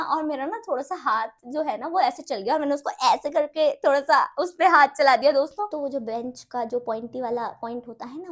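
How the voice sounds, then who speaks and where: Young female vlogger, high-pitched and lively, chatty storytime delivery. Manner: animated, laughing, acts out quotes. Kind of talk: casual storytime.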